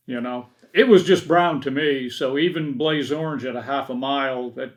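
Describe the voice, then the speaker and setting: A man's voice: mid-range voice, normal speed. A man chatting as a podcast guest, adding his side of a hunt and repeating himself often. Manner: frequent short affirmations, repeats himself. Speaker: podcast guest and hunting partner. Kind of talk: casual chat.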